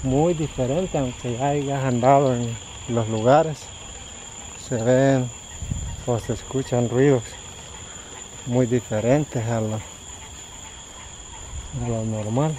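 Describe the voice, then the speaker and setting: Male night vlogger, thirties, casual and mellow, mid-pitched, outdoors with insects and faint noise. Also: steady tone, slow, long pauses, low-quality recording. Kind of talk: casual night exploration vlog addressed to viewers. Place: outdoors at night in a grassy area. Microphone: handheld camera at arm's length. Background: crickets and insects.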